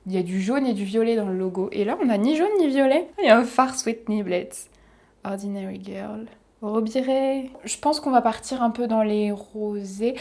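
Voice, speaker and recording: A young woman talks through a makeup unboxing in a casual, chatty way. She sounds excited and keeps dropping in little giggly asides as she goes. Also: medium pitch. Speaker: beauty vlogger.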